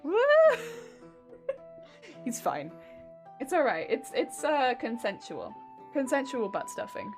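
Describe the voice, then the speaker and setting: Her high voice swings hugely in pitch, and she speaks slowly with long pauses while faint music plays. She's a young Hampshire woman with a southern English accent, giggling and rambling through casual live-stream chat as she sews on a craft stream, laughing frequently.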